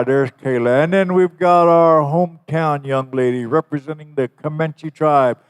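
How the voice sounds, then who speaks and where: An older man working as a powwow emcee, making folksy, unhurried announcements to the gathering. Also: on the high side, smooth, long reverb tail. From Dallas, United States.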